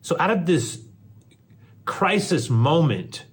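A man preaching a sermon. He swings from forceful emphasis to a soft, almost whispered hush, and he repeats his phrases. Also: a little high, big pitch swings, slow, breathy edge. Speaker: pastor.

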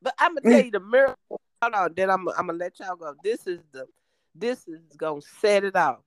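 A middle-aged woman telling her life story in conversation, emphatic and lively, acting out the voices of others. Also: mid-range voice, fairly quick, no echo, poor audio.

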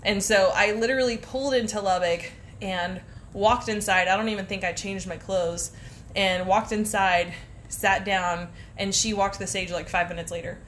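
A young woman tells a travel story on a casual podcast, rambling from one detail to the next and breaking into laughter along the way. Her voice sits at an ordinary middle pitch. A faint hum runs under the recording. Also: fairly even intonation, normal speed, fairly bright tone. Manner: rambling, laughs often while telling stories. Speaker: podcast co-host.

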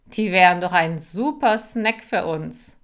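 A woman voicing a loud, crude teenage bully boy. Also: fairly low pitch, unhurried. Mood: boastful. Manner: loud, boastful.

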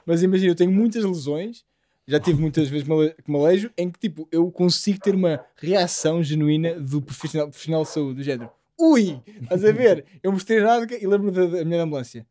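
A man's voice: on the high side, fast, mellow. A young man telling rambling, slangy, self-deprecating stories casually among friends. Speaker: podcast co-host.

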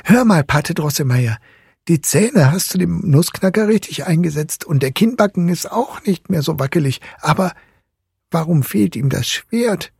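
A man's voice: fairly high pitch, lively intonation, normal speed, creaky, a little mellow, breathy edge, dry recording, clean studio sound, voice pushed up, exaggerated voice. A man doing a cheeky young boy. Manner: cheeky, teasing.

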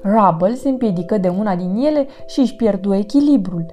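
A woman hosting her own storytelling channel, reading a children's picture book aloud in an expressive, sing-song way. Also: mid-range voice, faint music behind.

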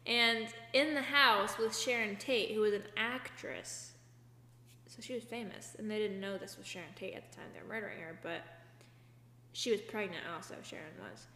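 A young woman co-hosts a casual podcast, chatting in a rambling way and filling her sentences with "like". Her voice sits at an ordinary pitch. It rings out in a reverberant room with a long echo and a faint hum. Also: lively intonation, moderate pace, sharp tone. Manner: chatty, many fillers, rambling retellings. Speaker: podcast co-host. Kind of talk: casual chat.

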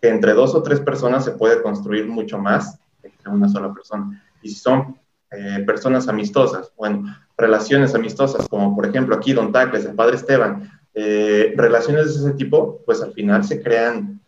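A man's voice: fairly low pitch, moderate pace, reverberant, muffled recording. A male host, speaking reflectively in casual chat.

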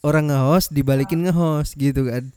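A man hosting a relaxed podcast who keeps teasing his guest and laughing. His voice is smooth and warm, pitched a little high, in a dry, close recording. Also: moderate pace, dry recording. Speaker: podcast host, radio announcer. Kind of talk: casual podcast chat.

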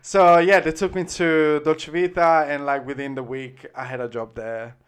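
An Italian man in his thirties, speaking with an Italian accent, is a guest in a casual interview in Australia. His voice is a little high, level, clear, and resonant at a moderate pace, and he rambles, leaning heavily on "like" and "um" and often restarting.

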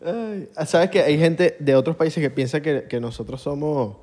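A man from Venezuela with a Venezuelan Spanish accent, teasing in relaxed casual chat. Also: on the high side, measured pace.

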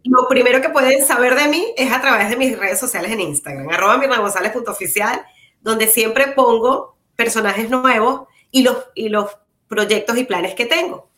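A woman's voice: on the high side, normal speed, fairly bright tone. Woman actress chatting as guest. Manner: explains with fillers like "este" and "fíjate". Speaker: theater actress, interview guest. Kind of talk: casual conversational interview.

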